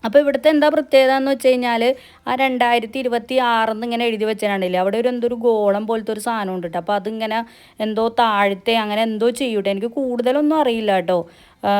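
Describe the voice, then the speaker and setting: A woman's voice: fairly high pitch, darkish tone, clear, resonant tone. A woman from Kerala with a Kerala Malayalam accent narrates a casual travel vlog, chatty and mixing English words into her Malayalam. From Kerala, India. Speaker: travel vlogger.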